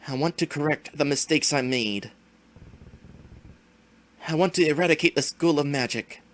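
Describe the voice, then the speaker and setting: A man voicing a scheming, power-hungry game villain in a slow, theatrical, menacing manner. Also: fairly high pitch. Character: scheming megalomaniac male villain seeking forbidden power. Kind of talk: dramatic reading of RPG game dialogue.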